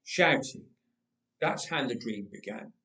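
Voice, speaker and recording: Reading a Bible tale aloud inside an echoing church, a man with a mid-range voice tells the story dramatically. He leans on emphatic repetition and deliberate, expressive phrasing, and the recording carries a roomy acoustic.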